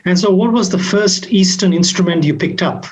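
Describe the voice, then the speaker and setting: A man's voice: high voice, normal speed, darkish tone, husky, low-quality recording. A man hosting an interview, asking questions with hesitant fillers and frequent murmured agreement. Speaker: interviewer, host.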